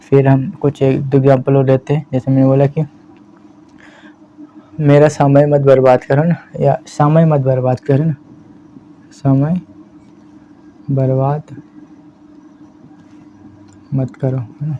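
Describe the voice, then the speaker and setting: Speaking in Hindi, a man with a mid-range voice teaches spoken English at a slow pace, repeating "है ना" again and again as a steady check-in. The recording is slightly dull and lo-fi, with faint hiss behind it.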